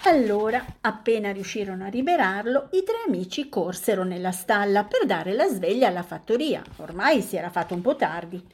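A woman co-hosting and reading a children's story aloud in an expressive, animated way. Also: medium pitch, a little fast, hardly any pauses, slightly rough. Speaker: co-host storyteller.

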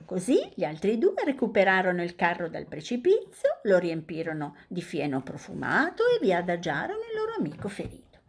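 A woman co-hosting and reading a children's story aloud in an expressive, animated way. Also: medium pitch, breathy edge. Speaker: co-host storyteller.

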